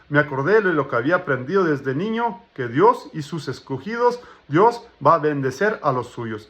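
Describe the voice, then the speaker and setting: Animated man telling his testimony. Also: a little high. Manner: emotional storytelling, acts out dialogue. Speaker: believer giving testimony. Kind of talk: personal religious testimony. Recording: dull lo-fi recording.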